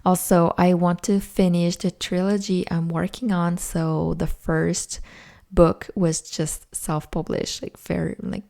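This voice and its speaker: Hosting her own podcast solo from her home office, a young adult woman with a French Canadian accent, a native French speaker, talks earnestly and chattily, using "like" often. Her fairly low voice is gravelly and warm, delivered flatly and slowly.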